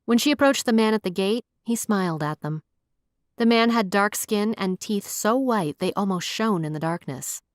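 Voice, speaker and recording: Woman narrating a love story audiobook, steady medium voice, dead dry mic. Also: mid-range voice, moderate pace, no echo. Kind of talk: scripted romance narration.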